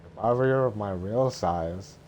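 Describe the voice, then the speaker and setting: Boastful little male dragon guardian read by a man, lowish voice, bossy and blustering, cartoon sidekick, noisy recording. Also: slow pace, a little mellow, dull audio. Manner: blustering, stumbling script reading. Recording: noticeable background noise.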